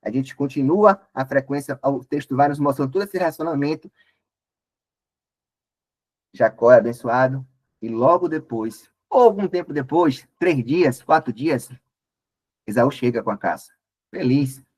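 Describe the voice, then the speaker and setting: A man giving a casual, lively Bible study, acting out the scenes. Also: mid-range voice, normal speed, pauses often. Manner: lively and colloquial, acts out scenes. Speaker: Bible teacher.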